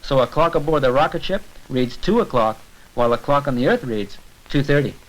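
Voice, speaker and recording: Medium in pitch and fairly quick, a man narrates a short science film meant to teach. His style is informal and conversational, breaking the explanation into steps. Expect clicks and noise typical of an old 1970s film soundtrack.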